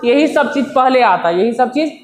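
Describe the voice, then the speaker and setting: A man's voice: very high-pitched, animated, normal speed. A man with a Bihari accent teaching a classroom grammar lesson, coaxing and repetitive, often calling his students to listen. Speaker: English teacher. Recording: echoey room with faint ambient noise.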